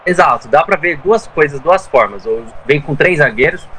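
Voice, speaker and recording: A man works as a football pundit, offering unscripted, opinionated analysis in a moderately high voice. He repeats points to press them home. The recording carries faint noise. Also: lively intonation, moderate pace, a bit bright. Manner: opinionated, repeats himself for emphasis. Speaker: football pundit alongside the commentator.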